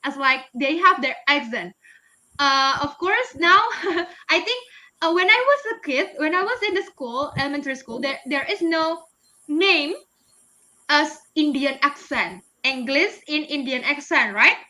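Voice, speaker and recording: In this rough recording, a young woman with an Indonesian accent, an English teacher appearing as a guest speaker, fields webinar questions. She talks chattily with frequent laughter, fillers and restarts. Her voice sits high and sounds animated, pushed and bright, though a little slow.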